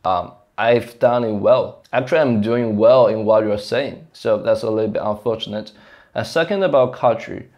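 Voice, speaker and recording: A young Chinese software engineer vlogger speaks English as a second language with a Mandarin accent, earnestly explaining his work to camera with many fillers and restarts. His lowish, darkish voice moves at normal speed, recorded on a lapel mic with the camera in front, in a small plain indoor room.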